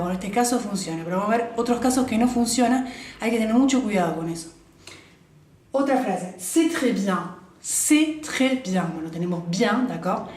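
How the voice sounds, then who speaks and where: A woman gives a French lesson to her viewers. She models each French word slowly and carefully and keeps checking that they follow. Her voice sits at a middle pitch, and the room adds a clear echo. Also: a little mellow. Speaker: French teacher. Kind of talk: explaining grammar to the camera. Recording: echoey room.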